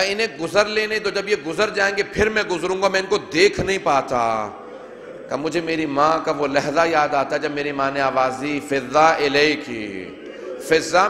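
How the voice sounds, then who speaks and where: Man, preacher, high register, declamatory sermon style, recorded in a roomy reverberant hall. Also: background noise. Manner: declamatory, retells narrations with quoted dialogue. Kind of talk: majlis sermon recitation. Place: large hall with long reverb.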